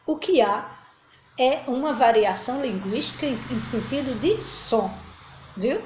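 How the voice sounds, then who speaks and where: Middle-aged woman teacher from Brazil, slightly high voice, chatty and repetitive, echoey room. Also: animated, a little slow, darkish tone, a little hiss or hum. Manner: chatty, repeats words and restarts often. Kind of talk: casual recorded lesson.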